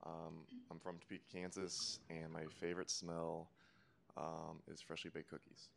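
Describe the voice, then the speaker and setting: A young man introduces himself in a very deep, gravelly voice, flat and monotone with some hesitation. A faint hum sits behind him. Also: normal speed. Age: young adult. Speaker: student committee member. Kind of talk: self-introduction.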